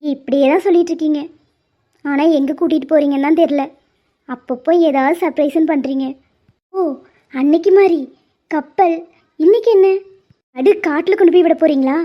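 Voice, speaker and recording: A woman's voice: high-pitched, fairly quick, long pauses, close to an everyday voice. A woman voicing a chatty, teasing young bride. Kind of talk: Tamil cartoon voice acting. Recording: muffled lo-fi audio.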